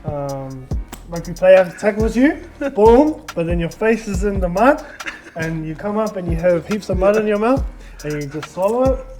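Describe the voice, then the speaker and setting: NZ male guest, slightly high voice, easygoing slangy chat, music behind. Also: normal speed, few pauses. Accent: New Zealand. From New Zealand. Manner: relaxed, laughs often, uses slang. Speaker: dancer guest. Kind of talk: casual chat.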